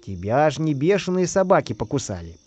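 A man voicing a fussy, weary elderly male professor in a gruff way. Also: a little high, sing-song, fairly quick, darkish tone, lo-fi sound.

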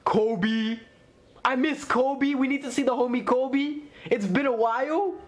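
A man with a notably high voice talks through an episode as it plays, in casual live reaction commentary. He is excitable and rambling, jumping from thought to thought with constant fillers. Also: a little slow. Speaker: anime reaction host. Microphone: wearing earphones while recording.

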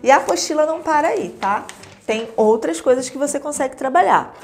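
Chatty Brazilian woman, slightly high voice. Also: expressive, a little fast, darkish tone, soft background music. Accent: Brazilian Portuguese. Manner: chatty, frequent tag questions, shows materials to camera. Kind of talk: casual explanatory demonstration.

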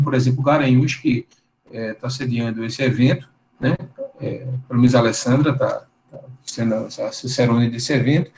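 Over a video call, a Brazilian guest lecturer in his thirties talks through slides in a conversational style, full of fillers and tag questions. His slightly high, mellow voice comes through a webcam in an echoey indoor room, and the audio is poor.

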